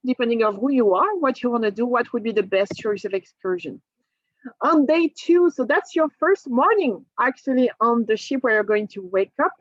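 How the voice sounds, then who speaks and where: A woman's voice: a little high, dry recording, dull audio. A woman with a French accent, a native French speaker from France, chatting through a cruise presentation, laughing often and restarting her words. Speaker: travel agent presenting a cruise. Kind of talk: casual presentation to a group.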